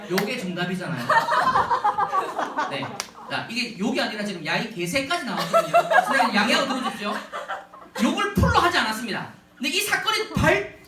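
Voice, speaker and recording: A man with a very high-pitched voice preaches a humorous, story-filled sermon to a youth retreat. He's animated and often speaks straight to the crowd. He's captured from a distance in a large, echoing hall.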